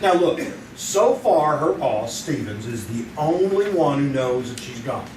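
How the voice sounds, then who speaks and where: An actor playing a stubborn, loyal newspaper crime photographer, defensive and slangy, in a live old-time radio drama. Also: male voice, mid-range voice, big pitch swings, measured pace, darkish tone. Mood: defensive, worried. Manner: defensive, insistent, tough slangy talk. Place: theater stage, performed live. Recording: distant, echoey live stage, noisy room.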